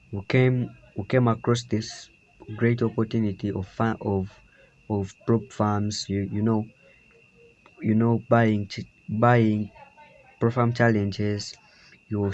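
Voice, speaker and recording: A man's voice: on the low side, darkish tone. A young man from Uganda casually telling his own story, rambling with frequent restarts and repeated "yeah"s. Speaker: trading vlogger. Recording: slightly dull lo-fi.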